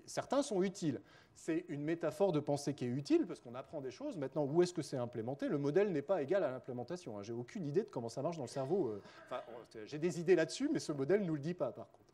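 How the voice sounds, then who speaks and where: A man's voice: fairly high pitch, sing-song, fast, warm tone. A man giving a spontaneous conference lecture as a researcher, chatty, with frequent fillers, self-corrections and wry joking asides.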